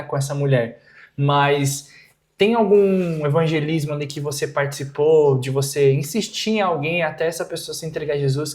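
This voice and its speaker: Give me a male podcast host with a slightly high voice asking long questions. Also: a little mellow. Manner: attentive, asks long winding questions. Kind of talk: interview podcast.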